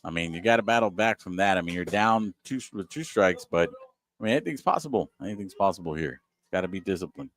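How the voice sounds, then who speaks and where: A man doing color commentary on a local softball game, chatty and analytical, sometimes acting out little exchanges. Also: low-pitched, animated, fast.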